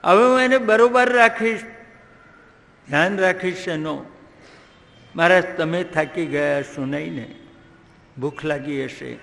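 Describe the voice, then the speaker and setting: A fussing, doting mother pleads with a guest and scolds her naughty child, as a male storyteller puts her on. The voice sits high and moves slowly, with a gravelly edge. It carries a long reverb, as in a large hall. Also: a bit bright.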